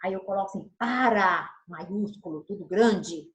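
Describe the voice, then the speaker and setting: A woman's voice: a little high, brisk, roomy sound, poor audio. A woman teacher, giving a recorded video lesson and gesturing as she explains. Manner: animated, gestures while explaining; acts out tones of voice as examples. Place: room, recording alone.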